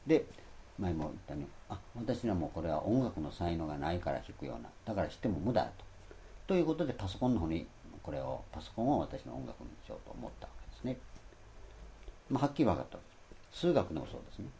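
A man giving a Bible lecture in a rambling sermon style, stressing his points and loudly acting out the phrases he quotes. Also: deep voice, big pitch swings, fast talker, a little hiss or hum. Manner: rambling, repeats himself. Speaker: Bible teacher.

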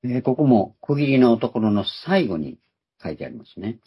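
A man's voice: medium pitch, big pitch swings, moderate pace, breathy edge. A man giving a Bible teaching sermon, explaining terms one by one and repeating key words for emphasis. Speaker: preacher. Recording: dull lo-fi recording.

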